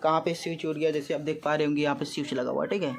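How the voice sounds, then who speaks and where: A vlogger from Gorakhpur, India, with an eastern Uttar Pradesh accent, talks casually to viewers, explaining things repetitively with frequent check-in tags. His voice is on the high side, flat and racing, and the amateur audio is clearly noisy with ambience.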